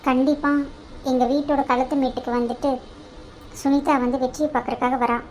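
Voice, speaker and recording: A woman voicing a bossy elder sister-in-law in a cartoon drama, brisk and teasing, with a scheming side. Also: high voice, little pitch movement, darkish tone, a little hiss or hum, lightly acted. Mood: hushed, scheming.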